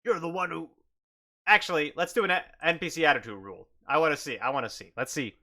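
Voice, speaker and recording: Casual man game master, bright, lively pitch. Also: quick pace. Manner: casual, swears, talks to himself. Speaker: game master and solo player. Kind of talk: improvised solo tabletop game narration.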